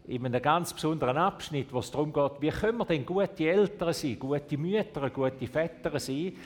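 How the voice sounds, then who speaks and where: Pastor guy, family sermon, storytelling, goes soft and hushed sometimes, slightly high voice, long church echo. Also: moderate pace. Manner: animated storytelling, dropping to a soft hush for tender phrases; asks the congregation questions.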